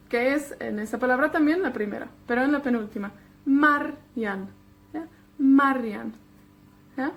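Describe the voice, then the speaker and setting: A woman from Wales whose first language is Welsh, teaching a patient beginner language lesson and repeating words slowly with frequent check-ins. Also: sits high.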